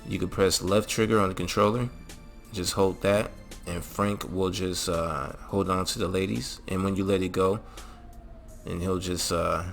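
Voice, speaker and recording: A man who hosts a gaming channel walks through a mod tutorial in a casual way. He uses lots of fillers and keeps repeating "all right?". His voice sits low.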